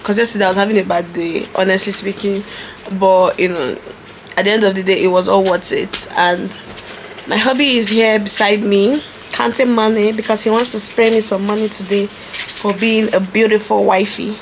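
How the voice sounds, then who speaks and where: A woman's voice: medium pitch, steady tone, moderate pace. Young woman, vlog host, casual and giggly to camera, bedroom, light room noise. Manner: chatty, giggly, talks to camera. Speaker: vlogger, bride-to-be. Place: bedroom, indoors.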